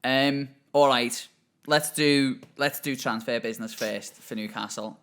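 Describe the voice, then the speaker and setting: A man's voice: mid-range voice, steady tone, a little slow, a bit bright, clear, resonant tone. A man co-hosting a casual football podcast with jokey, upbeat banter. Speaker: podcast co-host.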